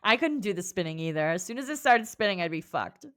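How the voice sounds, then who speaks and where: A woman's voice: lowish voice, fast. Woman cohost chatting about a book, swears a lot, voice bounces all over. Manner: animated, swears casually, laughs often. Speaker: podcast co-host. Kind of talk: casual book club chat.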